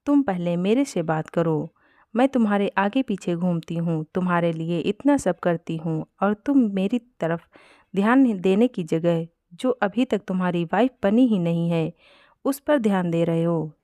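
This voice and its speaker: A woman's voice: fairly low pitch, animated, normal speed, mellow, dry recording, natural voice. A woman voicing a jealous, scheming young wife in a Hindi storybook reading, talking in a pushy, clingy way. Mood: sulky. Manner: pushy, needy.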